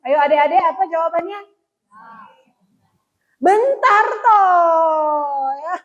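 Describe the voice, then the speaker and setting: A middle-aged woman, a psychologist giving a lively parenting talk at a church retreat, asking the audience questions and acting out parents and children. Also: sits high, low-quality recording. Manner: asks the audience questions, acts out parents and kids. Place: church hall.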